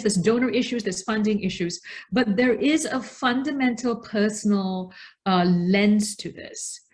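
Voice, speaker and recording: An Australian woman of about forty, invited as a researcher, gives a reflective webinar talk in a mid-range voice. She speaks deliberately, stressing key words.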